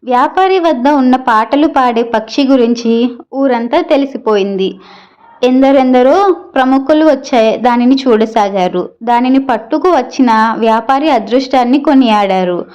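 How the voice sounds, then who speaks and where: Woman storyteller, high voice, steady, children's moral tale, dull lo-fi sound. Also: moderate pace.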